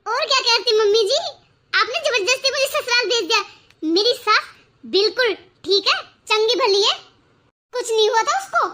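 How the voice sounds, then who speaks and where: A sulky, quick-tempered young married daughter from a cartoon story. Her voice is very high and bright, sharp and argumentative. She talks back with defiance. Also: animated, a little hiss or hum, exaggerated voice. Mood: sarcastic.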